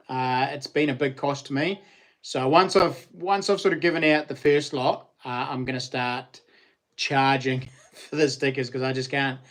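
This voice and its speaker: Kiwi guy w broad nz accent chatting on his livestream, bit higher voice, matey slang. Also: fairly bright tone. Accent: New Zealand. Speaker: live stream host. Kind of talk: casual live chat, greeting viewers.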